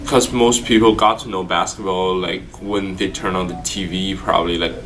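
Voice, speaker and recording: Young male student from China, very low voice, thoughtful. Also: steady tone, normal speed, a bit bright. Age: young adult. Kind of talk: casual interview.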